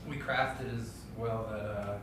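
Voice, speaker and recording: A man acting student haltingly explaining his emotional preparation. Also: steady tone. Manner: hesitant, halting with fillers. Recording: distant, echoey room with loud rumble.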